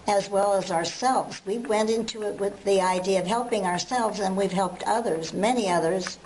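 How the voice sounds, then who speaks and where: An older woman speaks earnestly and without hurry. Her voice sits at a middle pitch, with a faint ambient noise behind her. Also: a little mellow, poor audio. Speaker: customer giving a testimonial. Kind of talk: unscripted testimonial.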